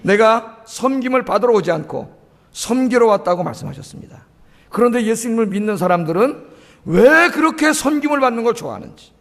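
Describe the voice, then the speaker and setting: A middle-aged man preaches from the pulpit with a voice pitched well above most men. He presses his points hard and keeps throwing questions back at the congregation. The sound carries a long church-hall reverb. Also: animated, brisk. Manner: emphatic, keeps asking the congregation rhetorical questions and prompting "eh?". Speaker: pastor. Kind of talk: sermon. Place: church sanctuary.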